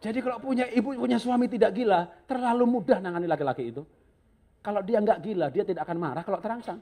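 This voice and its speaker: A man's voice: high-pitched, fast, mellow. A man preaching a humorous sermon, joking and chuckling often as he talks.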